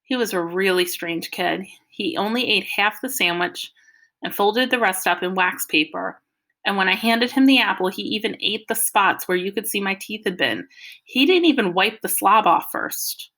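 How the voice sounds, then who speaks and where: A woman with a mid-range voice narrates a first-person audiobook at normal speed, telling the story in a lively, expressive way.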